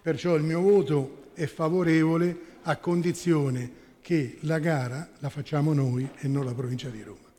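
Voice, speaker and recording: Brief: councillor, man, fairly high voice, combative, stop-start, reverberant hall. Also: steady tone, normal speed, few pauses, mellow. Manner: argumentative, corrects himself often. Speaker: town councillor. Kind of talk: formal council debate. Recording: echoey council chamber.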